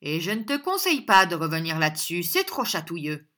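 In a storybook reading, a woman with a lowish, very animated voice speaks fairly quickly as a bluff, hot-tempered, honest country man. She blusters and defies his opponent, sounding loud and defiant.

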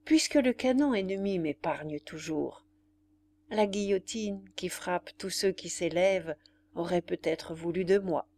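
A grim army captain from a storybook, cold and bitter, longing for death, as a woman narrator puts him on. Her voice sits a little low. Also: measured pace, mellow.

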